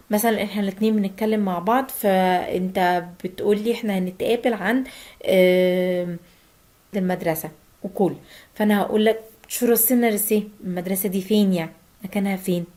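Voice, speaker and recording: Egyptian-accented woman teacher giving a lesson, steady explanations with slowed examples. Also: medium pitch. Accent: Egyptian Arabic. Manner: slow, drawn-out Turkish example phrases between Arabic explanations. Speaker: Turkish language teacher. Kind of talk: language lesson.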